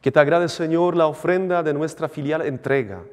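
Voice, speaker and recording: Priest with cathedral echo. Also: male voice, fairly high pitch. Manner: measured, solemn recitation. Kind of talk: celebrating Mass, liturgical prayers. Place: large church. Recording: long church reverb.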